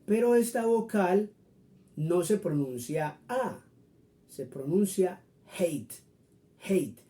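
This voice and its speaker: A man's voice: high-pitched, expressive, slow pace, warm tone. A man teaching a friendly Spanish lesson, patiently explaining and repeating example words for his viewers.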